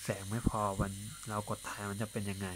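Relaxed Thai man demoing a film camera. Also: lowish voice, quick pace, slight background noise. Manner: relaxed and explanatory, with hesitant fillers and self-corrections. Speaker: camera reviewer. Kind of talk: casual hands-on gear demo.

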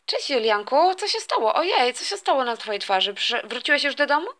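A woman's voice: high-pitched, animated, brisk, a bit bright. A woman voicing a fussing, caring mother in a toy story role-play. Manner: fussing, doting.

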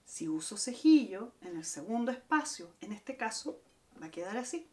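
A woman's voice: mid-range voice, big pitch swings, normal speed, a little mellow. A woman teaching a guitar lesson, explaining step by step and counting out the strums. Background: acoustic guitar playing.

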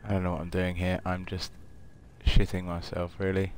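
A young man with a British accent and a fairly low voice talks through a horror game as he streams it. He swears freely and keeps slipping into a nervous half-whisper while he sneaks. A faint noise hums behind him. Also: completely flat delivery, normal speed, a little mellow. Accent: British English. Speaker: live-stream gamer. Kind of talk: live game commentary.

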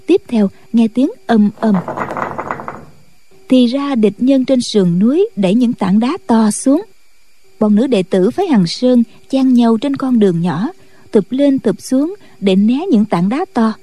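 A woman narrating a martial arts novel in steady, even storytelling. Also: a little high, unhurried, slight background noise.

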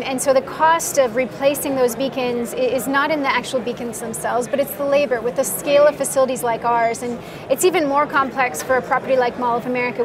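A middle-aged woman being interviewed as a guest, explaining things in a measured way with frequent ums. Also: high voice. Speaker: mall IT director, guest. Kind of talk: conversational interview. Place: trade show booth, indoors. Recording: busy trade show hall with crowd noise. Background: crowd chatter of a trade show.

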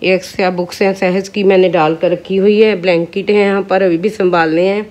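A woman's voice: fairly low pitch, fairly even intonation, normal speed, a little mellow. A woman in her thirties with a sore throat, chatting casually to viewers while filming at home on a handheld phone. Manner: chatty, addresses viewers as friends. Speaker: vlogger, mother. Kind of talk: casual home vlog narration. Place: home, kitchen and rooms.

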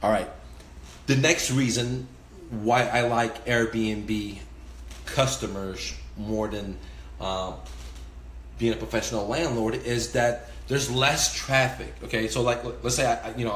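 A man's voice: fairly low pitch, a bit bright, a little hiss or hum. Profane, emphatic man in a roomy space. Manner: profane, emphatic, talks with his hands. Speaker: real estate investor. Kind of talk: casual instructional vlog. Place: indoors, small room by a window.

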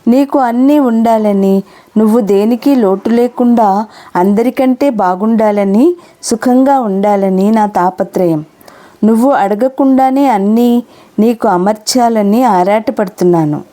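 A woman's voice: fairly high pitch, measured pace, warm tone, close to an everyday voice. A woman voicing a busy, impatient young husband in an audio novel, speaking in brusque, exasperated questions. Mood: indignant.

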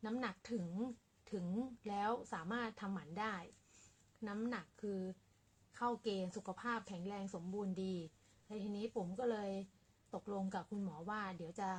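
A woman vlogging casually about her cats in a small apartment room, talking softly and quietly in a relaxed, rambling way. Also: mid-range voice, normal speed, husky. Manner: speaks softly and quietly to avoid disturbing neighbours; rambling and relaxed with many fillers. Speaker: cat owner vlogger. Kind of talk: casual chat to camera.

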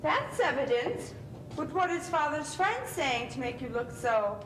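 A woman's voice: high voice, very animated, measured pace, fairly bright tone, roomy sound, heavily acted. Wealthy, domineering old aunt, played by a woman in a stage drama, imperious tycoon manner, distant and noisy recording. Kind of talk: amateur stage play acting. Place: theatre stage, indoors. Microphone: far camera.

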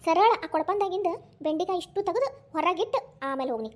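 A woman playing a strict young mother, very high. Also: lively intonation. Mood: scolding. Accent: North Karnataka Kannada. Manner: scolding, brisk. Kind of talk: cartoon voice acting.

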